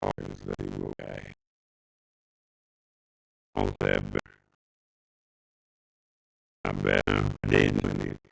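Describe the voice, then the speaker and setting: A man co-hosting a live stream, his voice garbled and robotic as the stream quality drops, talking on in halting bits. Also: extremely low pitch, little pitch movement, gravelly, faint music behind, rough recording. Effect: garbled, robotic-sounding stream audio dropping quality. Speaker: co-host of a live streaming show. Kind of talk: casual live-stream chat.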